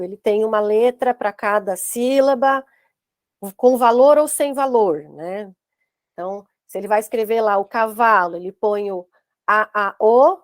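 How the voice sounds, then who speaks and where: A woman's voice: a little high, no room sound, studio quality. Brazilian woman teaching on a video call. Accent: Brazilian Portuguese. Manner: explanatory, uses many "né?" tags. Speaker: course instructor. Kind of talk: online minicourse teaching.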